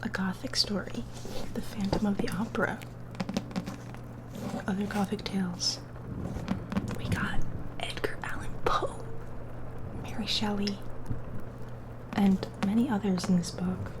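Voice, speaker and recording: A woman reading gothic horror stories aloud for ASMR in a hushed, breathy whisper, with slow, deliberate, drawn-out phrasing and pauses. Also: medium pitch, steady tone.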